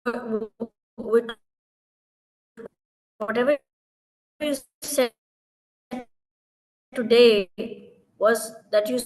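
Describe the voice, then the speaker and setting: A woman giving a halting tribute speech full of fillers over a video call whose audio breaks up and cuts out. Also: on the high side, fairly even intonation, darkish tone, poor audio. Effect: video call audio breaking up and cutting out. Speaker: webinar participant.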